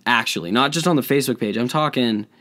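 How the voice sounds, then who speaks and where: A young man hosting a casual podcast chat, hoarse from bronchitis, with a low husky voice and a joking, self-deprecating manner. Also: fast, fairly bright tone. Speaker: podcast host.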